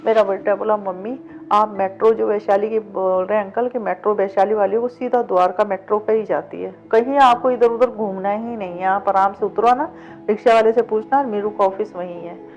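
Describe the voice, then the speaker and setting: Middle-aged woman, interview guest, mid-pitched voice, lively first-person storytelling with acted-out dialogue, dull lo-fi sound, faint music underneath. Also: moderate pace. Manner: vivid retelling that acts out past dialogue. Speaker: interview guest, cab driver.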